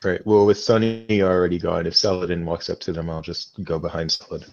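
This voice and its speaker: Low male player, dull lo-fi sound. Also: little pitch movement, fairly quick, gravelly, darkish tone, no echo. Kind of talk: casual tabletop role-play.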